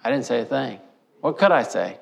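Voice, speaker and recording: A man from Missouri gives a sermon as a folksy personal story. He speaks with a mid-range pitch and leans on rural turns of phrase. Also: expressive, a little fast, gravelly. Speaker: preacher.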